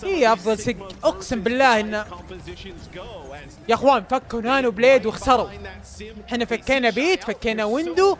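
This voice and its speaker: Brief: male streamer, fast-talking, excitable and chant-heavy. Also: very high voice. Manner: excitable, cheers and chants repeatedly, urges the team on. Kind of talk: excited live watch-along commentary.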